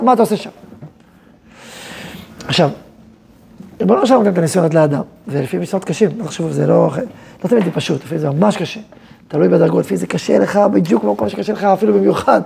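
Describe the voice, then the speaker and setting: Gravelly rabbi giving an animated talk. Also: male voice, high-pitched, slight background noise. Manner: animated, conversational, asks and answers his own questions. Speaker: rabbi, yeshiva head. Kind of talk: Torah lecture to students.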